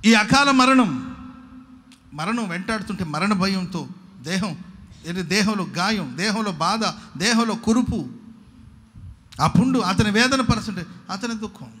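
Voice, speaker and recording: A man's voice: sits high, moderate pace, a bit bright. A man preaching a sermon as pastor, repeating his words for emphasis and leading the congregation to read verses back after him. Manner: emphatic repetitive preaching, leads congregation in reading verses aloud.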